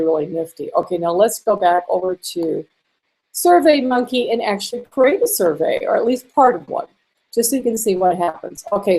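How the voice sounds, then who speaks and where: A woman walking through a screen-share marketing tutorial in a chatty way, a little hoarse and clearing her throat now and then. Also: mid-range voice, darkish tone. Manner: chatty, with fillers and small laughs. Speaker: online marketing instructor.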